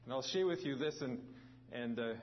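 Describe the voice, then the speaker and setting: In a muffled recording with slight background noise, a medium-pitched man delivers a sermon as a visiting pastor. Originally from South Africa, he speaks with a South African accent touched by New Zealand, and his delivery is halting, full of restarts and fillers.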